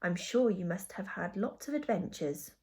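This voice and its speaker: A woman doing a soft-spoken, fretful mother. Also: on the low side, sing-song, normal speed. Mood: gentle.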